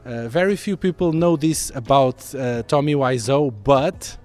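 A man's voice: mid-range voice, a little mellow, faint music behind. A man hosting an interview in a playful, teasing way. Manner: playful, teasing, quick bursts. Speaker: podcast host.

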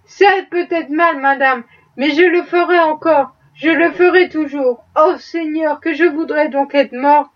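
A woman voicing a bitter, gruff old woman who talks in a surly, grumbling way. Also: steady tone, a little slow. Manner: surly, grumbling, low muttering. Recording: dull, distant-sounding audiobook recording.

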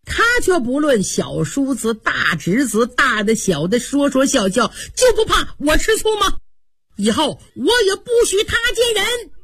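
A woman's voice: medium pitch, huge pitch swings, moderate pace, slightly rough, no room sound, clean studio sound, exaggerated voice. Jia Lian, a woman doing a blustering, vain young nobleman. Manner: blustering, whiny, boastful.

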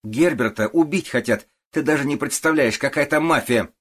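A man's voice: medium pitch, normal speed, fairly bright tone, pitched above the performer's own voice, natural voice. A man voicing a pushy, commanding woman with powerful connections who talks in an insistent, threatening way, in an audiobook.

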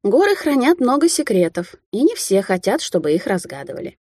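A woman's voice: medium pitch, big pitch swings, brisk, warm tone, breathy edge, no echo, clean studio sound. A woman voicing a playful, cunning red-haired young witch who talks in a carefree, teasing, sing-song way.

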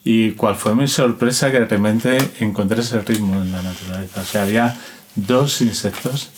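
Over slight background noise, a man with a lowish voice and fairly even intonation talks at a moderate pace. An interviewed musician and instrument collector, he casually explains and shares anecdotes, voicing rhythms with spoken syllables.

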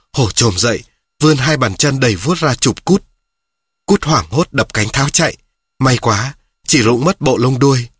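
A man reads children's stories aloud at a steady, measured pace. His voice is husky and sits in a middle pitch. The recording is dry and close, with no room sound. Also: no room sound. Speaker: storyteller. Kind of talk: scripted storytelling narration for children.

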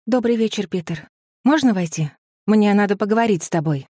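A nervous, hurried young woman, as a male narrator puts her on in an audiobook. The voice is pushed well above his own and chatters on breathlessly. The recording is dry and close. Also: high voice, dark tone, no room sound, pitched above the performer's own voice. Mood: flustered. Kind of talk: audiobook character voice.

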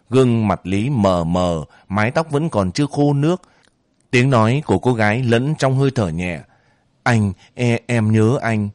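Rich: A man with a middle-pitched voice narrating a novel at a slow, measured pace. The recording is close and dry, with no room sound. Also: darkish tone, no echo. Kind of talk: audiobook narration.

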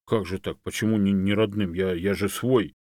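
A man voicing a meek, sad male moose in a storybook reading, speaking quietly and mournfully. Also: sits low, fairly even intonation, normal speed, no echo, clean studio sound, lightly acted. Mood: plaintive.

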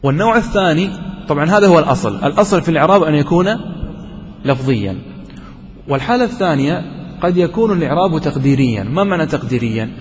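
A man's voice: on the high side, animated, racing, long reverb tail, muffled recording. A man teaching a grammar lesson to a class, asking questions and answering them himself and repeating key points. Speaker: sheikh teaching Arabic grammar.

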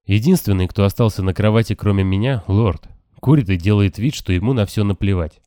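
A man reading a novel aloud in calm, even first-person audiobook narration. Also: on the low side, brisk, no echo, studio quality. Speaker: audiobook reader. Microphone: close, dry home recording.

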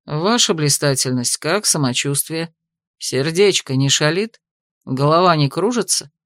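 A woman voicing a cold, sardonic male royal investigator, speaking low in a venomous drawl in an audiobook. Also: animated, measured pace, dry recording, studio quality. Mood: mock-solicitous.

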